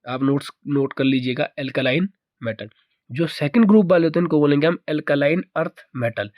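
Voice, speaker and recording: A man's voice: on the high side, a little mellow, no echo. Dry close-miked male chemistry teacher. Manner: repeats key answers as questions to the viewer. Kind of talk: exam-prep chemistry lesson.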